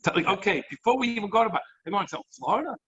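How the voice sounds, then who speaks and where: Excitable high-voiced rabbi host. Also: male voice, rapid-fire, slightly rough. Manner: effusive, excitable, jumps between thoughts. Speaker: rabbi hosting a video call show. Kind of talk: enthusiastic hosting. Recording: muffled lo-fi online call audio.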